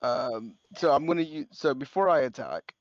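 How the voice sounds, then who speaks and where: A man plays a tabletop game over a voice call, his sound muffled and dry. He talks haltingly with many pauses, dropping low and slowing down as he counts out his damage. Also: dry recording. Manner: halting, lots of ums, slow and low when tallying. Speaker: player. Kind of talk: casual tabletop play.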